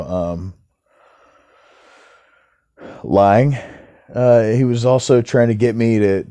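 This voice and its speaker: A man's voice: fairly low pitch, dark tone, dry recording, studio quality. A man talking in a casual monologue to camera as a vlogger, ranting heatedly and swearing.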